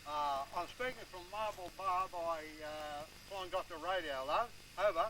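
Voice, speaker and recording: A man's voice: sits high, unhurried. A man chatting on a travel home video, friendly and easygoing. He also talks over a two-way radio, ending each turn with "over". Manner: warm and chatty, says "love" and "over". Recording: distant camcorder mic with loud noise.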